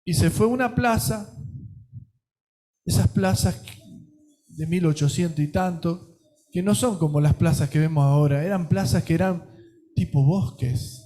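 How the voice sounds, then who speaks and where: High-voiced Argentine preacher telling a story. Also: male voice, measured pace, long pauses. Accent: Rioplatense Spanish. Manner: storytelling with acted quotes, swinging between loud and soft. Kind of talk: sermon.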